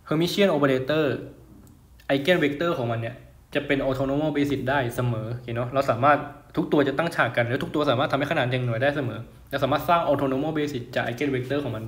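A young man teaching physics at a relaxed pace, talking casually and pausing to check that the listener keeps up. His voice sits at an ordinary middle pitch. The recording has a noticeable roomy echo around it. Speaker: physics tutor. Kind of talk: casual lecture over a whiteboard.

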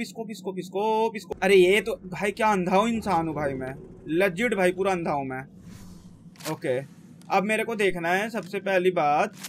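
A young man from India giving excitable, casual gameplay commentary, talking to himself and his in-game creature with frequent exclamations. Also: high voice, a little hiss or hum. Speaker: gaming YouTuber.

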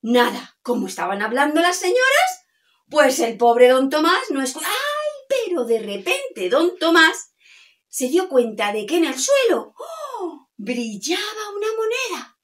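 A woman's voice: high voice, unhurried. A middle-aged woman telling a children's story, singing and coaxing listeners to join in. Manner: animated, sings and coaxes listeners to join in. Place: home.

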